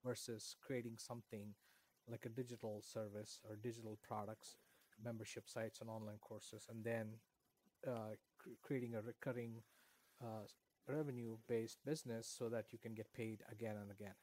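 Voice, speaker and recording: A middle-aged Indian author whose native tongue is Kannada gives long, meandering interview answers, frequently using fillers and starting over. He speaks at a moderate pace in a low-ish, flat, slightly mellow voice.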